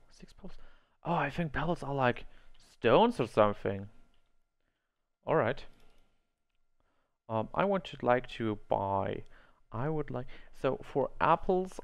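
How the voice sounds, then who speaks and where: A gameplay host, not a native English speaker, talks his way through an online role-playing game in rambling, think-aloud fashion and chuckles at his own errors. His mid-range voice is gravelly.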